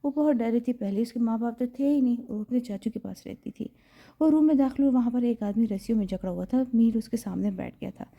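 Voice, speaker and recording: A woman's voice: fairly high pitch, vocal fry. A woman narrating a romance novel in a dramatic storytelling way, on a slightly dull recording.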